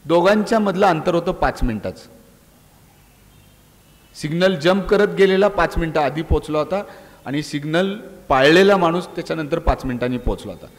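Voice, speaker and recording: High-pitched man exhorting students in an echoing hall. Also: expressive, moderate pace. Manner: rhetorical questions, scolding and exhorting. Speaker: police inspector giving a talk. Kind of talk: animated public speech to students. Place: college auditorium. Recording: long hall reverb.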